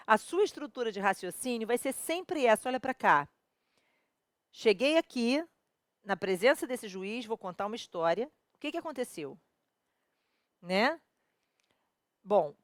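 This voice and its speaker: Animated woman law teacher. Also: a little high, dry recording. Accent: Brazilian Portuguese. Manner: animated, addresses students directly with rhetorical questions. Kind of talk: lively spoken lecture to exam students.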